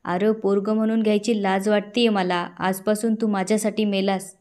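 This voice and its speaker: A stern elderly village father scolds in blunt rural speech, read out by a woman narrator. The voice sits at a middle pitch and keeps an even storytelling tone. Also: normal speed, natural voice. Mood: scolding.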